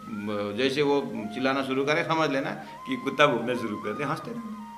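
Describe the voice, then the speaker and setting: A man voicing a calm old male guru who gives advice in a low, hushed, knowing tone. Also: moderate pace, roomy sound, over music, lightly acted. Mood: sly, reassuring.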